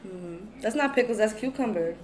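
A woman's voice: mid-range voice, animated, moderate pace, background noise. A young adult woman hosting a casual eating vlog, upbeat and chatty as she coaxes her child along. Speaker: mukbang vlogger, host.

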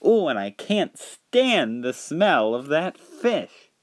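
A man's voice: medium pitch, very animated, takes it slowly, a bit bright, clear, resonant tone. A man voicing a haughty, disdainful visitor in a homemade storybook tale about trains. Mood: sniffy. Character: snooty, sneering man visiting the docks.

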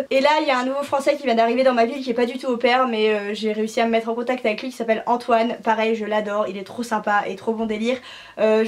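Chatty young French woman vlogging. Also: fairly high pitch. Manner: chatty, gushing, slangy with many fillers. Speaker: au pair vlogger. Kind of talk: casual talk to camera.

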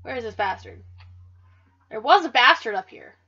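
A woman's voice: on the high side, lively intonation, normal speed, sharp tone, slightly rough, muffled recording. A woman hosting a let's play, giving casual gameplay commentary in a jokey, profane, self-mocking way.

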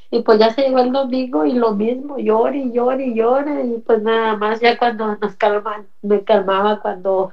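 A woman's voice: a little high, creaky. A middle-aged woman, giving a personal faith testimony in an earnest, repetitive storytelling manner. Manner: earnest, repetitive retelling with many quoted exchanges. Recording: dull lo-fi recording.

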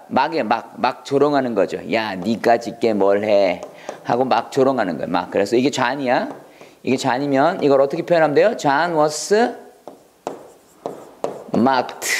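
Animated man teaching English words. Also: mid-range voice. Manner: animated, repeats words slowly, acts out taunts. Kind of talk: video vocabulary lesson.

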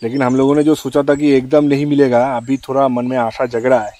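A man's voice: medium pitch, little pitch movement, brisk, warm tone. A young man chatting to an action camera held at arm's length as he walks an outdoor trail for his travel vlog. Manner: chatty, talking to camera while hiking. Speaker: travel vlogger.

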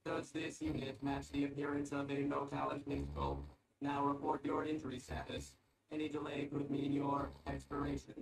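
A calm male medical robot tends the wounded in a measured, clinical way, reassuring but blunt. His voice has a gravelly grain. The game audio around him is echoey with steady background noise. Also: mid-range voice. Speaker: field hospital helper unit.

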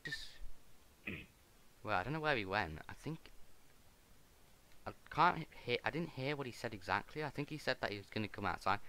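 A man's voice: medium pitch, expressive, a little fast, pauses often, sharp tone. A man giving casual let's-play commentary as host, thinking aloud with hesitant restarts. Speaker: gaming video host.

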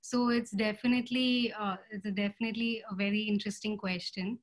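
A woman's voice: mid-range voice, steady tone, brisk. Hesitant woman on a video call. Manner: hesitant, many fillers and restarts. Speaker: panelist artist. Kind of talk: casual video call discussion. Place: home room indoors. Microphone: laptop webcam video call.

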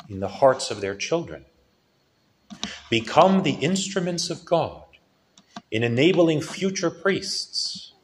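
Male priest, sermon delivery, slow deliberate pacing, faint hiss under the voice. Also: on the high side. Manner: slow, solemn preaching with lively rises and falls.

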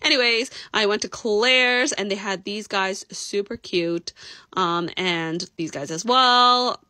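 A woman giving a casual, chatty voice-over about her shopping finds, enthusiastic with quick asides. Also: mid-range voice, sharp tone, dry recording. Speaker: vlogger. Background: music.

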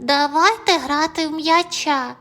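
A woman's voice: sits high, measured pace, fairly bright tone, faint music behind, voice pushed up. A woman voicing a small timid boy mouse who sounds eager and hurt, speaking plaintively in an audio fairy tale.

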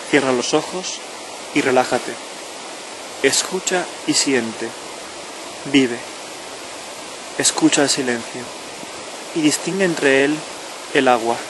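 A medium-pitched voice speaks intimately, as if right in your ear, guiding a relaxation in short measured phrases. The clear noise of rushing water runs behind it. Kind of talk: slow guided relaxation narration, spoken to the listener. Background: running stream, natural outdoor ambience.

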